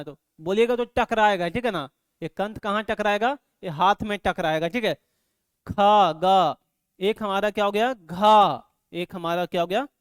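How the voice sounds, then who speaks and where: A man teaching an online grammar lesson, asking his students questions over and over and loudly sounding out syllables for them to repeat. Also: sits high, smooth, dry recording, clean studio sound. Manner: repeats "ठीक है" and quizzes students constantly; drills syllables aloud, louder on examples. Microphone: microphone.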